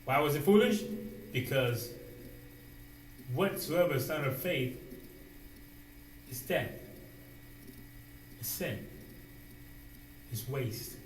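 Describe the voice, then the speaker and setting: A man preaching a sermon, asking rhetorical questions and dropping suddenly to a quiet voice. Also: medium pitch, animated, takes it slowly, long pauses, far from the mic, a little hiss or hum. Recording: roomy echo, voice away from the mic, faint ambience.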